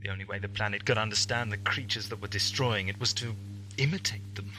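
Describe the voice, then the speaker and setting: A man acting anguished eccentric adventurer, piercingly bright voice, theatrical, brooding, self-blaming, audio drama, faint tape noise. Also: on the low side, steady tone, quick pace. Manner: theatrical, brooding, swinging into bitter outbursts. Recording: faintly noisy 1980s amateur audio tape.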